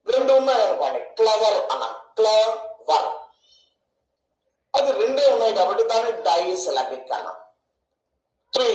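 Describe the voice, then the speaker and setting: High-voiced, lively man teaching grammar. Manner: asks questions and answers them himself; stretches words out syllable by syllable. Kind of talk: online class lesson. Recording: echoey room.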